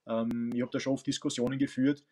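A man's voice: mid-range voice, level tone, fast talker, a little mellow. A man in his forties with an Austrian accent, a coach and teacher, talking thoughtfully on a video call from his home, with many fillers and restarts. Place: home room with bookshelves. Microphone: webcam on video call.

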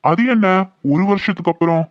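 A man's voice: high voice, fairly quick, no room sound, lo-fi sound, close to an everyday voice. A man voicing a puzzled young man in a cartoon, asking questions in a raised voice. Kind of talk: cartoon voice acting.

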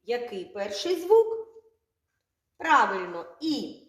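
A woman teaching young children their first letter sounds, stretching words out slowly and asking the class questions. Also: fairly high pitch, big pitch swings, a bit bright. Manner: slow, drawn-out sounds, asks children questions. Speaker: kindergarten teacher. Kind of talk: literacy lesson for young children. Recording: echoey room, from far off.

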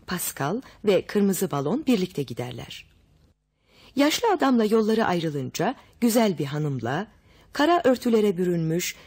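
A woman's voice: medium pitch, slightly rough, no room sound. A woman narrating a children's story summary and speaking directly to listeners. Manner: warm direct address to listeners. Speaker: audiobook narrator.

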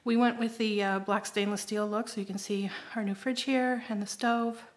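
A middle-aged woman, a homestead vlogger, gives a casual update on her kitchen renovation, pointing things out and saying "um" often. Her mid-range voice keeps a fairly even intonation at a moderate pace. She films indoors on a handheld phone held at arm's length.

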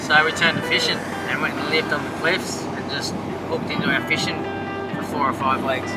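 A man's voice: fairly high pitch, steady tone, moderate pace, distant mic, loud music behind the voice, rough recording. A man, casually narrating a fishing trip in a laid-back way. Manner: laid-back, swears freely.

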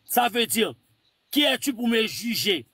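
A man's voice: extremely high pitch, big pitch swings, measured pace, pushed and bright, slightly rough, dry recording. A man from Haiti hosting a live stream, insistently cutting in and lecturing a caller with scripture. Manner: insistent, repeats words to cut in; preachy, quotes scripture. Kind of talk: heated live call-in debate.

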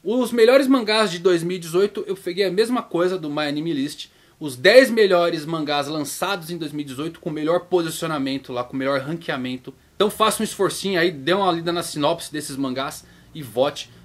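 A Brazilian man with a Brazilian Portuguese accent, hosting his manga vlog in a chatty, casual way and playing out viewers' questions in a higher voice. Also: fairly bright tone. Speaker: YouTube manga channel host.

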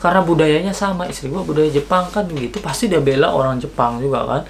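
A young man from Indonesia, telling a story in a casual vlog, slangy and animated, acting out the people in it. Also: on the high side, fast, gravelly, slight background noise. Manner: slangy, animated, acts out quoted dialogue. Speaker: vlogger.

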